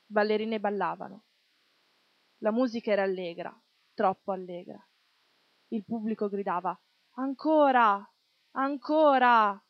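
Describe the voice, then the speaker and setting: A woman reading a literary short story aloud in a steady, measured way. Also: mid-range voice, no room sound. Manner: steady measured reading, voicing shouts in quotes. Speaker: reader. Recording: dull lo-fi dry recording.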